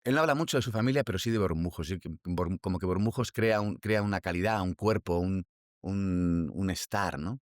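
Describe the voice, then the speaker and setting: A man's voice: low-pitched, a little fast, dry recording, clean studio sound. A man speaking reflectively in a documentary interview, searching for words with emphatic asides.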